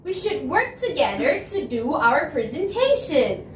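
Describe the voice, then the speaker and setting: Casting: Malaysian female soloist, animated and slow, rehearsed recitation, heard from afar in an echoing hall. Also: high voice. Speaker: solo speaker in a choral speaking team. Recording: distant, echoey hall with background noise.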